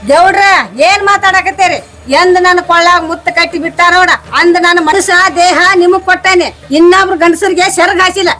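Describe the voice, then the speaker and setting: Pleading village mother played by a woman, North Karnataka accent, very high pitch. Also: little pitch movement, a little fast, soft background music. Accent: North Karnataka Kannada. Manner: pleading, calling out loudly. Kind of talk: village skit acting.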